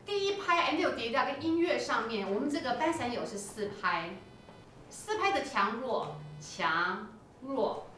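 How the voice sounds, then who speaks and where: A woman choir teacher coaching singers in rehearsal, energetic and coaxing, sometimes singing a phrase to show how it goes. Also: a little high, normal speed, background noise. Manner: energetic, coaxing, breaks into sung demonstrations. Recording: echoey hall, voice from far off.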